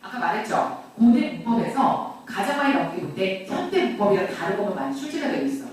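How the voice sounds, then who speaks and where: A middle-aged woman teaching grammar to a classroom, lively, quizzing and teasing her students. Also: mid-range voice, quick pace. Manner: lively, questions and teases students. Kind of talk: classroom lecture. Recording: very echoey classroom from far off.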